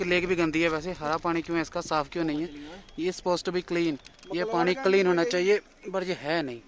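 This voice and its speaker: A young man narrating a casual travel vlog outdoors, chatty and excited, with a sore throat. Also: on the high side, a little hiss or hum. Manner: chatty, excited, laughs often. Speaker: travel vlogger. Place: outdoors on a hill station trip.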